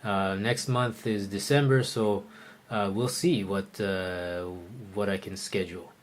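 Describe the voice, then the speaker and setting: Answering questions from viewers in a live online oud class, the man speaks a little slowly in a fairly low voice, relaxed and conversational, thinking aloud and often restarting or filling pauses.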